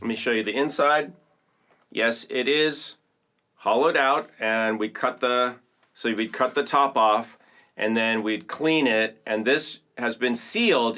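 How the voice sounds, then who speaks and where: Demonstrating percussion instruments in a laid-back tutorial, an Oakland, California teacher and host talks to viewers in an upbeat, enthusiastic way. His voice sits in the mid-range with a sharp tone.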